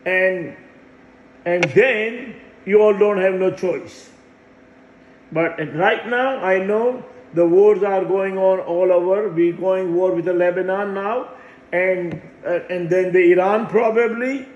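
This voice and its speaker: A man in his sixties preaching a rambling religious monologue in a high voice. He talks slowly and insistently, repeating phrases over and over for emphasis. The sound is echoey, as if he were in a bare room. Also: highs cut off. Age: 60s. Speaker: self-proclaimed messiah preaching.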